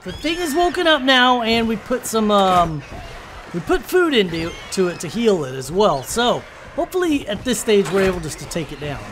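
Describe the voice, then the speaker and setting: Man with a high, lively voice. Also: noisy background. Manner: animated, exasperated mock-ranting. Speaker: gaming channel host. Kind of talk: let's-play commentary.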